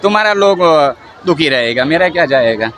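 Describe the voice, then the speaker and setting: A man's voice: fairly high pitch, animated, normal speed, a bit bright, some chatter behind. Blunt rambling man from Gujarat, outdoors. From Gujarat, India. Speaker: faith healer. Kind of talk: outdoor interview. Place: outdoor healing camp. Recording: noisy outdoor field recording.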